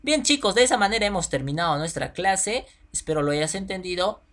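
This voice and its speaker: A man's voice: high voice, animated, brisk, noisy background. Male teacher explaining simply to children. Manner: checks in with the listener often, asking "ya?"; speaks directly to the pupil with simple everyday examples. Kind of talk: explanatory video lesson for children.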